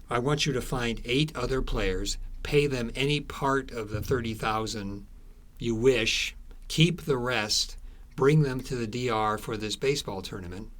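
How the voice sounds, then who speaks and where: A man being interviewed as an author, telling stories conversationally in halting, explanatory phrases with thoughtful pauses. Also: medium pitch, fairly bright tone.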